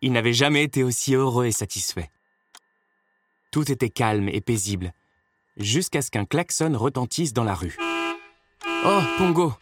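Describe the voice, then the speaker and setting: A man reading a children's storybook aloud in a steady, measured storytelling voice. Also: medium pitch, no echo. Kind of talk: scripted storybook narration.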